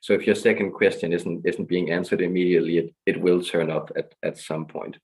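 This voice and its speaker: A man hosting a workshop in an informal, halting way, often repeating words and hesitating as he goes. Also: low-pitched, fairly even intonation, darkish tone. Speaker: host of a channeling workshop. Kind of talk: informal spoken introduction.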